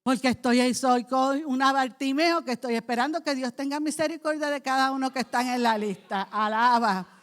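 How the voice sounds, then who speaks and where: A woman pastor preaching a sermon in church, impassioned, moving from soft speech to loud cries. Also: sits high, fairly quick, hardly any pauses.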